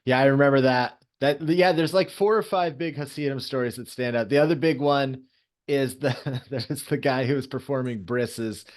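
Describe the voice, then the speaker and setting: Guy cohosting a podcast, mid pitch, playful quick jokes, laughs a lot. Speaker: podcast co-host. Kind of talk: casual comedic chat.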